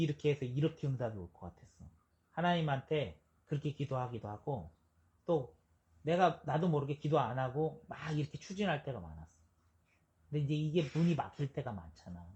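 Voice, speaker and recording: A man preaching a sermon at a middle pitch, talking to his listeners like a friend. His phrasing moves from formal prayer wording to blunt, everyday speech. The recording sounds somewhat dull and lo-fi. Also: darkish tone. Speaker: pastor.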